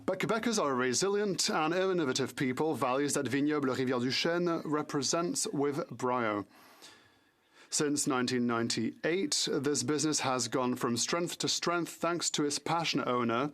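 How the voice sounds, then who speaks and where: A man with a medium-pitched voice interprets parliamentary proceedings. He delivers prepared tributes and announcements in a formal, official style. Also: fairly bright tone. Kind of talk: formal rendering of prepared statements.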